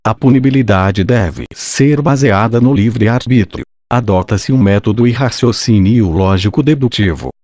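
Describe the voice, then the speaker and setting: A man's synthetic, robotic voice with a Brazilian accent, reading scripted educational narration in a formal, measured way. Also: lowish voice, a little mellow, no echo, studio quality. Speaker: narrator of an exam study summary.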